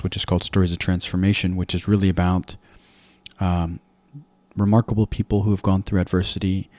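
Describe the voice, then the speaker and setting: A man in his forties from Afghanistan, a podcast guest giving measured, reflective interview answers into a close mic. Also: deep voice, a little mellow, no room sound.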